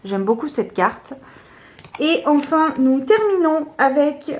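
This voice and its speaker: A woman's voice: high voice, big pitch swings. A woman casually showing her favourite tarot cards, talking hesitantly with many fillers. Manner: slow, soft-spoken. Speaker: tarot vlogger.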